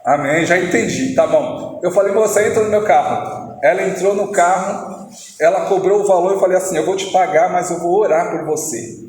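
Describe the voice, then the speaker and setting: High-voiced preacher man in echoey hall. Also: moderate pace, darkish tone. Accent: Brazilian Portuguese. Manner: storytelling, acting out dialogue. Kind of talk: testimony sermon. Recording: echoey hall, faint noise.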